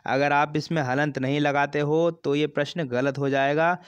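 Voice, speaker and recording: A man teaching a grammar lesson for an exam, explaining slowly, repeating terms and stretching sounds as examples. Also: a little high, little pitch movement, clean tone, no echo. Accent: Hindi.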